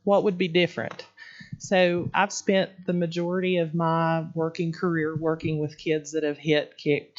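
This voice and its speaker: A co-presenter at a school training, asking the group reflective questions. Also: mid-range voice. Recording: muffled lo-fi recording.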